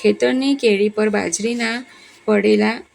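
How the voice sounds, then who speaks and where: A woman's voice: mid-range voice, fairly even intonation, a little slow, creaky, darkish tone, a little hiss or hum. A woman reading devotional scripture stories aloud, with small slips and self-corrections. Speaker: devotional story reader. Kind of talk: religious scripture storytelling.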